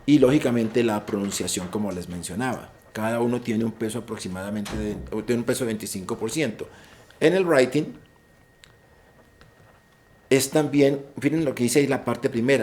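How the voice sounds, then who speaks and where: Pitched fairly low with a darkish tone, a man with a Colombian Spanish accent helps students prepare for an English exam over an online session. He walks them through the rules in an explanatory way, often repeating or restarting words and hammering home the key points of his advice.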